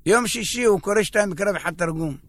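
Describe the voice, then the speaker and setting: Male preacher, comic storyteller, high voice with gravel, dry close sound. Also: no room sound. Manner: joking storyteller acting out scenes. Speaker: religious speaker. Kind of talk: humorous sermon.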